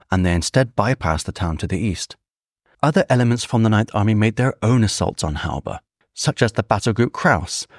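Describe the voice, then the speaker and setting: Male history narrator, low and measured, dry studio read. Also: no room sound. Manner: measured, reads quoted memoirs with rising intensity. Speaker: documentary narrator.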